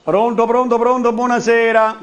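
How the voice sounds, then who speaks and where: A man's voice: extremely high pitch, flat delivery, moderate pace. A man with a Neapolitan accent hosting a casual phone-in show, bantering in colloquial street talk and repeating his phrases. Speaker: TV show host.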